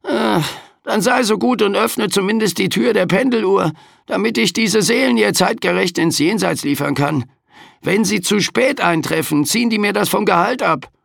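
A man's voice: sits high, moderate pace, gravelly, a bit bright, no room sound, clean studio sound, pitched above the performer's own voice, exaggerated voice. A man voicing a grumpy, overworked male Grim Reaper skeleton in an audiobook, grumbling and cheeky. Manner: grumbling, cheeky, tags questions with "hä". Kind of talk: audiobook character voice.

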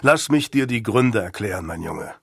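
Man doing a solemn older statesman: low, reproving and measured, in an audiobook. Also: animated, vocal fry, slightly rough, dry recording, studio quality, exaggerated voice. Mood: stern. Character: grave older male statesman, stern yet kindly. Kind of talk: audiobook character voice.

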